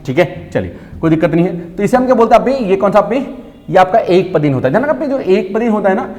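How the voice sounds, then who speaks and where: A male teacher with a fairly high, animated voice, steering his lesson by asking his listeners question after question and then answering. He stretches out the words he is explaining, and his voice carries a long reverb from the room. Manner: asks and answers his own questions, repeats key words slowly. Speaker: Hindi teacher. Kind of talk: classroom-style online lesson.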